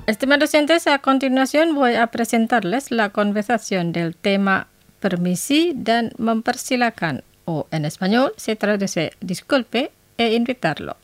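Female language-lesson host: slow, careful, dry studio voice, repeats each phrase twice. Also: medium pitch, no room sound. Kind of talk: scripted radio language lesson.

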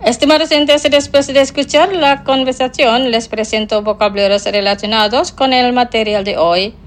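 A woman presenting a radio language lesson, speaking slowly and formally and repeating words clearly for learners. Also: fairly high pitch, fairly even intonation, faint music behind. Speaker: radio language teacher and host. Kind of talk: scripted educational radio presenting.

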